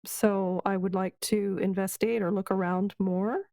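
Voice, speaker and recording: A woman's voice: mid-range voice, steady tone, moderate pace, mellow, no echo. A woman playing a tabletop game for the first time, curious and full of questions. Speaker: new player.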